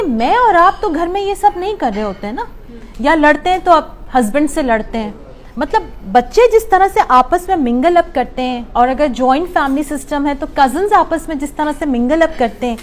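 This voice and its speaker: Lady psychologist running a workshop, high voice, mixes in english words, faint room hum behind. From Pakistan. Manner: explains patiently, mixes English words into Urdu, takes audience questions. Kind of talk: conversational workshop talk to an audience. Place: club hall with live audience.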